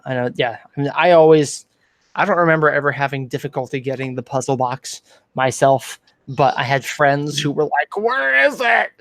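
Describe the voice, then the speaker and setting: A man's voice: mid-range voice, dry recording, clean studio sound. A man hosting a casual online lore chat over a video call, rambling with lots of fillers and restarts. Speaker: podcast host.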